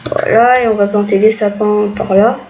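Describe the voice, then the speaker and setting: A woman's voice: medium pitch, steady tone, normal speed, a little mellow. A woman giving casual, hesitant commentary while playing a game, with many fillers. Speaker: gaming video creator. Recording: muffled lo-fi mic, faint noise, keyboard clicks.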